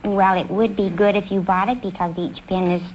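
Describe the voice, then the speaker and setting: A woman's voice: mid-range voice, fairly even intonation, a little fast. A woman in her twenties with a childlike voice, answering a quiz host's questions hesitantly with many fillers. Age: 20s. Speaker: quiz show contestant. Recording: dull old broadcast with faint hiss.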